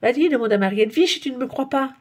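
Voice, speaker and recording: A woman voicing an excitable little schoolboy in a storybook reading, eager and breathless. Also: sits high, fast talker, voice pushed up. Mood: excited.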